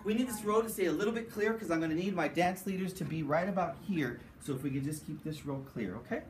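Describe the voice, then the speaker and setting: A male teacher welcomes the audience to a school show in a loose, chatty way, talking quickly and sitting a little high. He is picked up from across an echoey school room, with a steady hiss of background noise. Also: recorded from a distance. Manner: chatty and warm, laughing often. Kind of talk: casual welcome speech to an audience. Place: warm school room, indoors.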